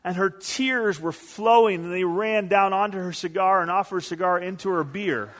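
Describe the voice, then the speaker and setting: A man's voice: high voice, moderate pace, fairly bright tone. A man preaching a sermon as a pastor, talking conversationally and telling stories with quoted asides. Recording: long hall reverb.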